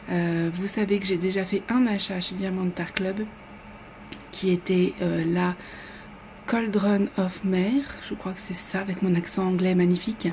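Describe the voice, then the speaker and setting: A woman's voice: on the low side, warm tone, slight background noise. A woman vlogger chatting casually while unboxing, rambling with frequent hesitations.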